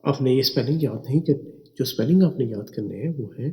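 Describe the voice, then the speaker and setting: A man teaching English words slowly, spelling each one letter by letter and repeating it. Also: medium pitch, animated, a little mellow. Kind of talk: slow spelling and pronunciation lesson.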